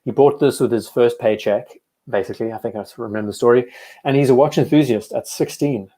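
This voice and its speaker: A man's voice: mid-range voice, a little fast, warm tone. Chatty young man hosting a livestream. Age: 20s. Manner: chatty, reads live chat aloud, self-correcting. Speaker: host. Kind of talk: casual livestream chat.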